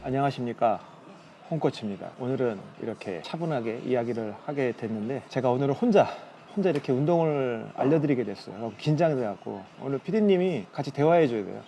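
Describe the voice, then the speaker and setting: Fast, lively male fitness coach. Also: medium pitch, slight background noise. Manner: casual, chatty, demonstrating as he talks. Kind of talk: gym machine tutorial. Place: gym.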